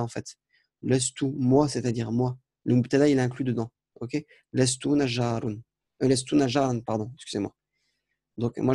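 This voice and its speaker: A man with a dark, mellow voice walks through a grammar lesson, explaining each step patiently. He often repeats himself and stops to correct small slips. The sound is close and dry, with no room around it. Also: mid-range voice, no room sound. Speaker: Arabic grammar teacher. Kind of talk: recorded lesson correcting exercises.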